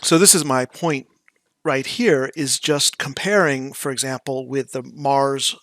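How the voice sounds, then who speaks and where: A dry, close indoor recording of a middle-aged man with a medium-pitched voice. He explains in a casual teaching style, somewhat halting, stressing key words as he thinks aloud. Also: steady tone, fairly bright tone, no echo. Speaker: physics teacher, presenter. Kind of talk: casual explanatory lesson commentary. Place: small indoor room.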